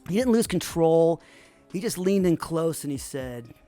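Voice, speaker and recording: A man's voice: a little high, animated, unhurried, warm tone, faint music behind. A man telling a personal story in a conversational way, often adding "man" and "you know".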